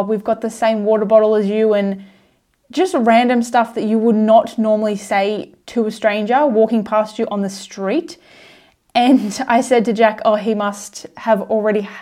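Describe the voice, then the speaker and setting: A woman's voice: medium pitch, a little mellow. A young adult woman, hosting a podcast and casually explaining health topics with chatty asides. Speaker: podcast host. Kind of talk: casual educational monologue.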